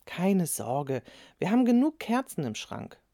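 A woman's voice: lowish voice, big pitch swings, a little slow, creaky, mellow, dry recording, studio quality, voice pushed up, full character voice. A woman voicing a kind grandmother who serves cake and reassures the family, in a children's storybook reading. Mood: reassuring. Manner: cheerful, reassuring.

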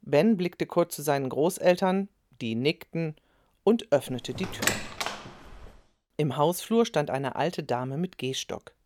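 A woman reading a children's story aloud with expressive storytelling. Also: low voice, slow pace, noisy background. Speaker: narrator.

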